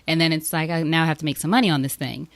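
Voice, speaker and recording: A woman hosting a podcast, asking encouraging questions in a quick conversational way. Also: deep voice, fairly even intonation, dry recording, clean studio sound. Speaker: podcast host. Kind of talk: interview conversation.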